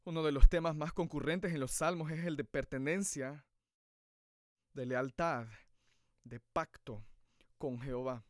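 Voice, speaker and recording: Earnest male preacher, slightly high voice. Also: dry recording, studio quality. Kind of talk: sermon.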